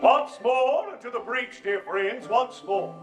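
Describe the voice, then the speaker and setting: A man's voice: very high-pitched, slow, echoey room, music in the background, poor audio. An actor playing a hammy male Shakespearean performer who declaims lines theatrically. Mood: declaiming.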